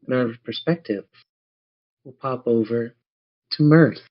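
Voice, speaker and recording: Unhurried and mid-range in pitch, a man serves as game master for a tabletop RPG, narrating scenes with descriptive, theatrical storytelling. The audio quality is dull and lo-fi.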